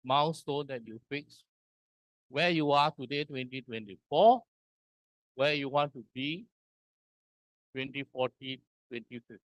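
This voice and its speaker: A man from Singapore giving a conference presentation, walking through slides in slow, deliberate short phrases. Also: medium pitch, dry recording, dull audio. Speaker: conference speaker. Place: conference hall.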